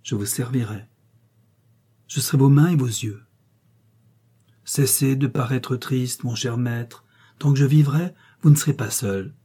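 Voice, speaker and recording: A man voicing a devoted, spirited young woman who talks gently and earnestly. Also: mid-range voice, unhurried, long pauses, slightly rough.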